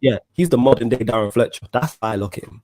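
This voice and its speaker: A man's voice: medium pitch, fast, a crowd in the background. A man with a London roadman accent and slang-heavy street delivery, hosting a casual football podcast. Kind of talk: casual chat.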